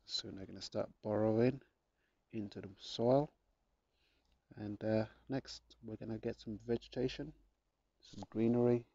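A man giving a casual how-to narration in his garden, relaxed and chatty with jokey asides, recorded on a handheld phone. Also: fairly low pitch, measured pace, long pauses, dry recording, highs cut off. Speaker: gardening vlogger. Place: home garden, outdoors.

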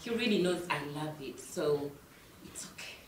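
A woman's voice: low voice, moderate pace. A woman, a guest speaking proudly and assertively with laughs. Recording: echoey room, far from the mic, background noise.

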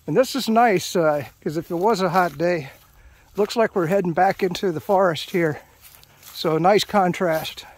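A middle-aged man narrating a hike on camera while walking an outdoor trail, chatting casually with many fillers and restarts. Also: high-pitched. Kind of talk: casual hiking commentary to camera. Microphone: handheld action camera, off-screen narrator.

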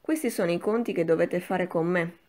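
A woman's voice: fairly low pitch, a little fast, darkish tone, natural voice. A woman voicing an imperious old grandmother, a marchioness who speaks in a sleepy, placid but commanding way, for an audiobook. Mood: cold, placid.

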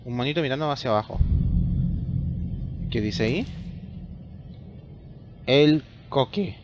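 A man's voice: mid-range voice, expressive, takes it slowly, highs cut off, over music. A young man with a Chilean accent giving nervous, jumpy commentary while playing a horror game. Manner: jumpy, nervous, talks to himself. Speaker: gamer.

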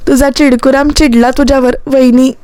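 A woman's voice: sits high, level tone, a little mellow, no echo, lightly acted. A woman voicing a mischievous young woman who playfully teases her brother. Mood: teasing. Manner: playful, mocking, quick.

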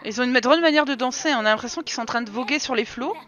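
A woman's voice: on the high side, racing, a bit bright, soft background music. A young woman casually commenting while she streams a life-sim game, chatty and scolding her game characters in mock outrage.

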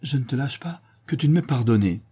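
A man's voice: medium pitch, lively intonation, a little fast, warm tone, breathy edge, pitched above the performer's own voice. A man voicing an ardent, remorseful young lover in a storybook, pleading in a raised voice. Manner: pleading, emotional delivery.

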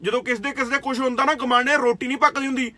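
Brief: young Indian Punjabi man, kabaddi player, confrontational scolding rant, very high, sharp bright voice. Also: steady tone, rapid-fire, no echo. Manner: confrontational, scolding, swears, repeats "theek aa". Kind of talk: angry direct-to-camera rant.

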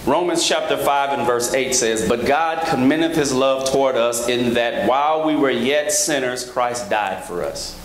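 A man in his thirties preaching a sermon from a church pulpit on a handheld microphone, rhythmic, rising to emphatic high peaks, with joking asides to the congregation. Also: moderate pace, few pauses. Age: 30s. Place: large church sanctuary, at a pulpit. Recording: echoey church hall with background noise.

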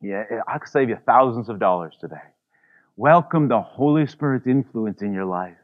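A man's voice: mid-range voice, lively intonation, normal speed, phone-quality sound. A man preaching a sermon as pastor, in an easygoing, conversational way, full of "you know" asides.

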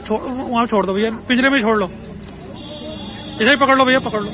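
Speaking with a Western Uttar Pradesh Hindi accent and a very high-pitched voice, a man vlogs on foot through a busy outdoor pigeon market. He trades words with sellers and viewers in brisk promotional patter, repeatedly urging his audience. The recording is noisy with crowd chatter and traffic.

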